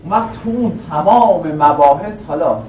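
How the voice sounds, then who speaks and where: A male teacher giving a classroom grammar lesson, quizzing his students with questions and reciting a verse slowly again and again. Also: fairly high pitch, expressive, lo-fi sound, slight background noise. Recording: echoey room, voice from a distance.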